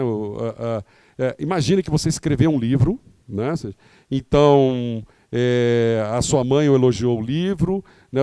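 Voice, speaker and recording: A man's voice: medium pitch, warm tone, no echo. A Brazilian man giving an explanatory lecture on campaigns to candidates, with many fillers and tag questions. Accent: Brazilian Portuguese.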